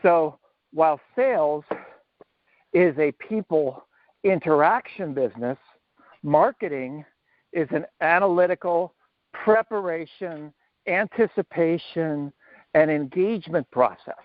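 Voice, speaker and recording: Measured man over a tinny line. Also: a little high, no room sound. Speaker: marketing co-presenter. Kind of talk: online lesson.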